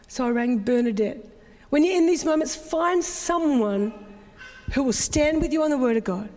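A middle-aged woman pastor, preaching an emotional, confessional sermon full of repeated phrases. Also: high voice. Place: church sanctuary. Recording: long reverb of a large hall.

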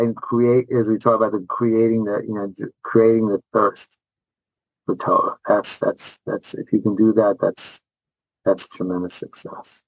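In a fairly low, darkish voice, a middle-aged rabbi and teacher fields interview questions with emphatic enthusiasm, restarting often and repeating phrases as he talks conversationally. The rough recording has no room sound.

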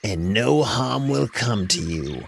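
A man's voice: medium pitch, lively intonation, slow pace, vocal fry. A man playing a tall, skinny, greedy old man who snarls threats. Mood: menacing.

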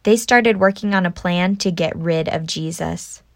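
Female kids' podcast host, animated and simple in delivery, dry makeshift home recording. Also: lowish voice, a little slow, creaky, no room sound. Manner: animated, simple child-directed explaining with questions. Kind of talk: scripted children's storytelling podcast. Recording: makeshift home recording without usual mic.

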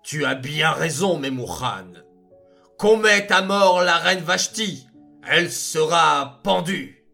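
A man's voice: very high-pitched, huge pitch swings, takes it slowly, soft background music, voice pushed up, heavily acted. A man voicing a boastful, drunken, hot-tempered king who bellows his orders, in a children's storybook reading. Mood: commanding. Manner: bellowing and shouting.

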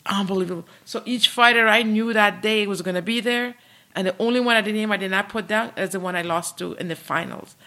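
A woman's voice: mid-range voice, a little fast, sharp tone. A woman in her sixties with a Canadian accent, telling her story as a guest on an interview podcast with eager, repetitive enthusiasm. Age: 60s. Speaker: guest, martial arts coach.

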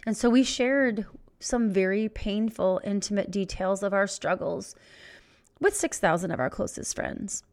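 A middle-aged woman hosting a podcast, telling a personal story in an emotional, halting way as she searches for words. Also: mid-range voice, fairly even intonation, a little mellow. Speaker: podcast host. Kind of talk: personal reflective monologue.

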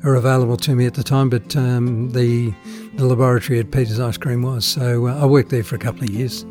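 An older man with an Australian accent tells stories in a relaxed, halting way, full of ums and self-amused laughs. He is outdoors on a street corner. A soft guitar plays faintly behind him. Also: medium pitch. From born in the Netherlands, raised in Australia. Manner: chatty, hesitant with many ums, laughs at his own stories. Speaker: climate activist, interviewee. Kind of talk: casual storytelling.

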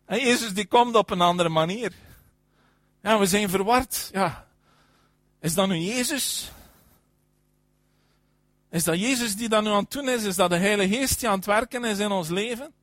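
A man preaches in a fairly high voice, pushing some phrases out loudly and dropping others to a hush. He punctuates his points with a steady "ja". The sound is close and dry. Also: moderate pace, pauses often, dry recording. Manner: emphatic, frequent affirming "ja", swings between loud and soft. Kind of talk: sermon.

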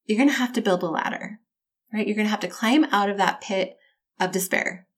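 A woman giving a self-help talk as a life coach, speaking in a warm, encouraging, conversational way and addressing her listeners directly. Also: mid-range voice, a little fast.

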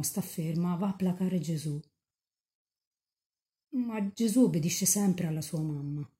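A young woman mystic lost in rapture, as a nun reads her words aloud, pleading with Mary in a fervent, tender prayer. The voice sits low and mellow. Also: natural voice.

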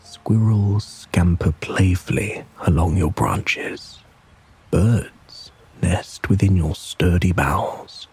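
Guy doing sleep story narration, really slow n low, soft breathy calm voice, music behind. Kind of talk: soothing sleep story narration, guided relaxation.

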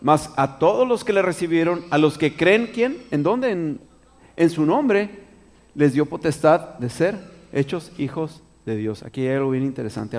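A man's voice: on the high side, a little mellow, big-room sound. A man preaching a conversational Bible study sermon, reading verses aloud and asking the listeners questions as he goes. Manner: conversational, repeats and restarts, asks the listeners questions.

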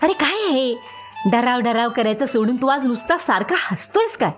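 A woman's voice: on the high side, lively intonation, faint music behind, close to an everyday voice. A woman voicing a greedy, gullible crow who speaks brashly and impatiently, in a children's storybook tale. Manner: brash, quick-tempered questions.

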